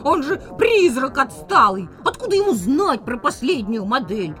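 Excitable folksy scaredy-cat who brags, high bright voice, fussy exclaiming, kids audio play. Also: female voice, normal speed, soft background music. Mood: fussy, alarmed. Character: excitable, superstitious, folksy chatterbox, boastful but easily scared. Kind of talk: theatrical children's audio drama acting.

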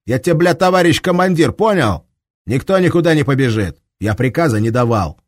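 A man's voice: lowish voice, sing-song, unhurried, dark tone, no echo, clean studio sound, pitched above the performer's own voice. A man voicing a tough army warrant officer who gives coarse, contemptuous orders. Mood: barking.

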